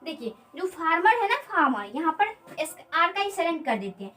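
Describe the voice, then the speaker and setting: A woman teaching an English grammar lesson. She explains slowly, repeats key words and keeps asking quick check questions. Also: very high-pitched, very animated, sharp tone, recorded from a distance, slight background noise, poor audio.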